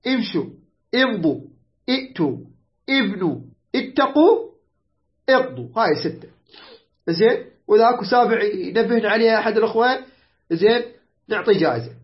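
A teacher with an Iraqi Arabic accent explaining grammar patiently, repeating words slowly, spelling out letters and often checking that students follow. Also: medium pitch, dull audio. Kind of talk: online grammar lesson.

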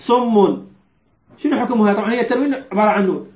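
A man teaching a Quran recitation lesson, chanting verses slowly and quizzing his students. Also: high voice, slight background noise. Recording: roomy, dull lo-fi recording.

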